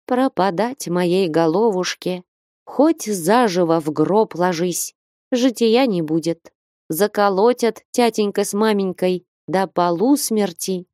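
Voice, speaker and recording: A woman's voice: mid-range voice, slow pace, dark tone, dry recording, studio quality, natural voice. A woman voicing a shy, frightened girl who speaks faintly and fearfully.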